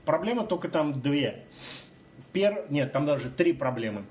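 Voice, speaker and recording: A man hosting a casual chat, talking in halting bursts and restarting words. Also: on the high side, sing-song, a little mellow.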